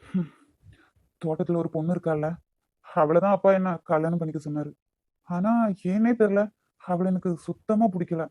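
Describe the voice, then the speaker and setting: A man's voice: warm tone, dry recording, lightly acted. A man voicing a troubled, blunt young cartoon man. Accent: Nagercoil Tamil. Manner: blunt, stern, then low and despairing. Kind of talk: cartoon voice acting.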